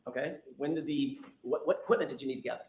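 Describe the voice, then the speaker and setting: A man's voice: medium pitch, quick pace, a little mellow. A man working as a defense attorney, pressing a witness with pointed, insistent questions in a courtroom recording. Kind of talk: courtroom cross-examination. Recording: echoey courtroom recording with faint noise.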